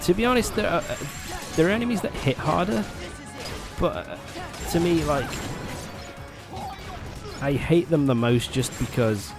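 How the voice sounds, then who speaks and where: A man's voice: fairly high pitch, measured pace. A young man giving casual, rambling, sweary gameplay commentary while recovering from a cold. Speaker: let's play host. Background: loud game music.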